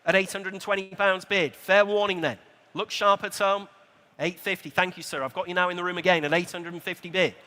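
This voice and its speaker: Casting: British man as live auctioneer and bid caller, high-pitched, forceful, courteous and jokey between repeated prices. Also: little pitch movement, a little fast. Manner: chatty, jokey asides to bidders; polite, courteous address to bidders. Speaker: auctioneer calling bids. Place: large indoor auction hall at a motor show. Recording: PA voice in large reverberant hall.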